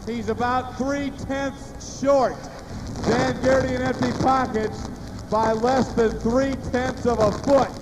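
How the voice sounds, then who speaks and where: A man's voice: steady tone, slow pace. A man announcing distances and results live at a sporting event. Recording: noisy live arena with engine rumble.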